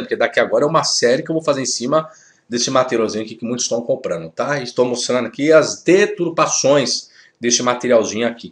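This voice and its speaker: A man with a Brazilian Portuguese accent teaching a theology video lesson. He reads Aramaic words slowly and carefully, explains them, and checks in with his viewers, whom he formally calls "senhores". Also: a little high.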